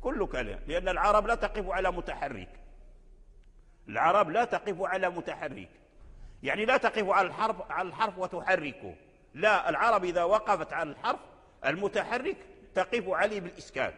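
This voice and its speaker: Moroccan sheikh teaching Quranic readings, echoey hall. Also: male voice, high voice, lively intonation, bright, forceful tone, breathy edge. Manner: explains patiently with repetitions and restarts, chants verses slowly. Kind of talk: classroom lecture on Quranic readings.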